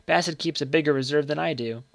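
A man voicing an earnest, secretive young boy in a story, speaking gravely and politely. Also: fairly high pitch, quick pace, fairly bright tone, no room sound.

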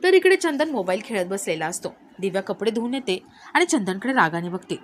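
A woman retelling a TV serial episode, quickly voicing each character's lines. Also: slight background noise. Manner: lively, shifts pitch to act out each character. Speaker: serial recap narrator. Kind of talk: storytelling recap with acted quotes.

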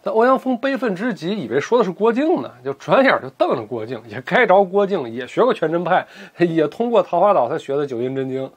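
Husky, lively male storyteller. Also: sits high, brisk, few pauses. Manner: lively, colloquial and joking. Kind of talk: casual storytelling narration.

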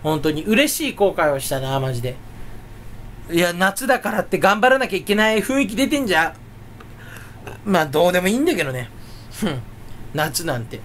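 Solo YouTuber man, self-mocking rambler, very lively pitch, faint hiss behind. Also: a little fast, long pauses. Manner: rambling and self-mocking, jumping between topics. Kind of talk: casual solo chat.

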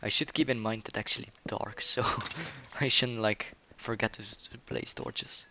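A man's voice: on the low side, unhurried, noisy background. A man playing a co-op game, chatting casually, often giggling and exclaiming. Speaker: gamer co-host. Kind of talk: casual gameplay chat.

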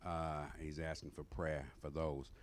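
A man's voice: very deep voice, level tone, a little slow, a little hiss or hum. A middle-aged man teaching a Bible class in a church sanctuary, emphatic and asking the class questions as he goes. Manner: emphatic, call-and-response questions. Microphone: standing in front of a mic stand.

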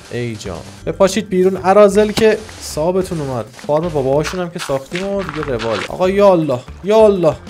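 Excitable man shouting over game music. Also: fairly high pitch. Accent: Iranian Persian. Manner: excitable, joking, shouts and trash-talks mobs. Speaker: gaming YouTuber. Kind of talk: Minecraft let's-play commentary.

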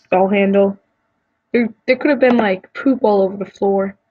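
A woman's voice: medium pitch, fairly even intonation, normal speed, husky, highs cut off. A woman YouTuber chatting casually as she answers quiz questions, giving blunt opinions with frequent ums and restarts.

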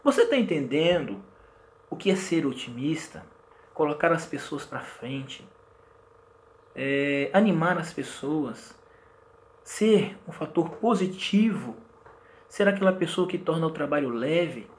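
A man teaching a sales course, lively, acting out short example dialogues as he explains. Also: on the high side, measured pace, long pauses, slight background noise. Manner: animated, acts out example dialogues. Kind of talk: lecture to camera.

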